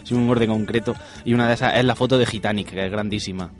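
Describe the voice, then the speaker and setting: A man's voice: fairly low pitch, steady tone, quick pace, faint music behind. A man co-hosting a radio film show in a studio, chatting casually with dry wisecracks. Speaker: radio co-host. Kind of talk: casual chat.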